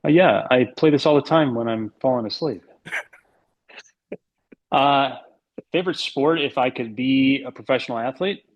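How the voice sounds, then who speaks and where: A man's voice: mid-range voice, normal speed, pauses often, muffled recording. Jokey man in his thirties, chatting sports. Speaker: recurring podcast guest. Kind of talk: casual sports chat, anecdotes.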